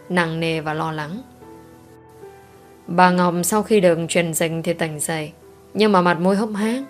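A woman narrating a romance audiobook in a calm, even reading. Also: fairly low pitch. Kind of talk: scripted story narration. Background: soft music.

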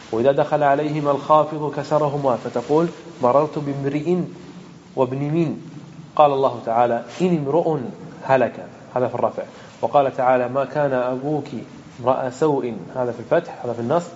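A man's voice: medium pitch, a little mellow, lo-fi sound, slight background noise. A man, a sheikh, teaching an Arabic grammar lesson to students and explaining each point step by step. He puts questions to the class and then answers them himself. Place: lecture room with students present.

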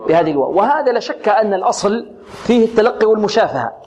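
Quran teacher drilling letter sounds. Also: male voice, high voice, animated, darkish tone, muffled recording. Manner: patient, asks questions then answers them himself; repeats sounds and words slowly, drawing them out. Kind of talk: tajweed lesson with recited examples.

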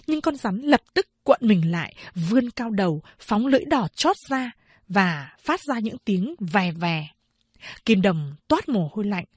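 A woman reading a novel aloud as an audiobook narrator, in measured, unhurried storytelling. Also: medium pitch, a little mellow, husky, no echo.

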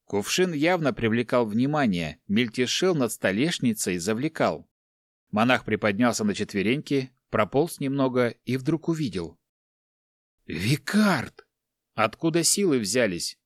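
Brief: male storyteller, mid pitch, dry close recording, steady fantasy audiobook reading. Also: no room sound. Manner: measured, even storytelling. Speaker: audiobook narrator. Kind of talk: scripted narration.

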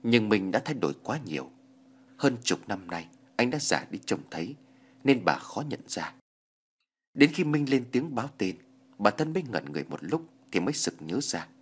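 A man narrating a horror story with expressive, dramatic storytelling. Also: on the low side, normal speed, breathy edge.

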